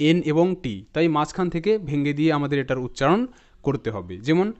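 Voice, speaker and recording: A man with a Bengali accent teaches English spelling, splitting words into syllables and repeating them for his viewers. His voice sits fairly high and sounds smooth and clear. The recording is a bit dull and lo-fi. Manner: explains patiently, breaking words into parts and repeating them slowly; talks straight to viewers, often checking in with "okay?". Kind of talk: spelling and pronunciation lesson.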